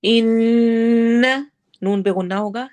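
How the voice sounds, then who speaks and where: Female recitation teacher, brisk instructive delivery, mid pitch. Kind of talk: tajweed lesson.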